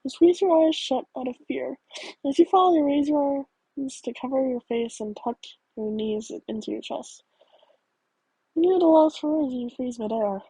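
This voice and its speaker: High, husky woman reading a story. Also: measured pace, dark tone, dry recording, low-quality recording. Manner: reads with small stumbles and self-corrections. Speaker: story narrator. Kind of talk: reading a reader-insert fan story aloud.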